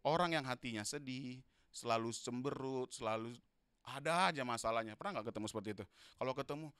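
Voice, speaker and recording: A man with an Indonesian accent preaching a sermon in church, jumping from loud exhortation to soft asides and acting out the voices of people he quotes. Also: mid-range voice, fast, clean tone, dry recording. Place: church sanctuary.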